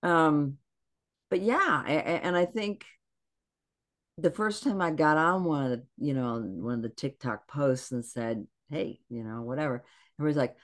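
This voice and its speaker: A woman guest in casual podcast chat, animated and acting out quotes in lively voices. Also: low voice, moderate pace.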